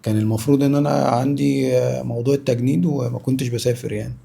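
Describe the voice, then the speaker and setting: A man's voice: mid-range voice, fairly even intonation, racing, creaky, mellow, breathy edge. A man with an Egyptian Arabic accent in natural, unscripted interview talk as a guest, insistent and repeating himself for emphasis. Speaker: interview guest, former professional footballer.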